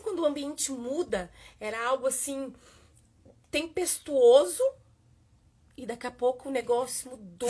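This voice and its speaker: A woman's voice: a little high, a little mellow, breathy edge. A woman giving a personal testimony to a congregation, telling her story with feeling and acting out what she said. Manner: emotional storytelling, acting out her own lines. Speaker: church member giving a testimony.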